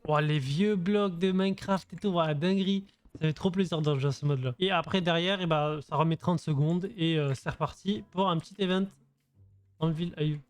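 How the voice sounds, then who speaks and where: A man's voice: fairly high pitch, fairly quick, smooth. A young man giving casual, slangy gameplay commentary, thinking aloud as he goes. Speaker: gaming video creator. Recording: voice over music.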